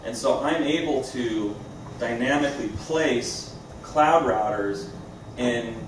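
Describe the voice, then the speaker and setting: Acting as a company presenter, a man gives an informal, explanatory live product demo at a slow pace in a medium-pitched voice. The room is echoey, the mic is distant, and background noise is clearly audible.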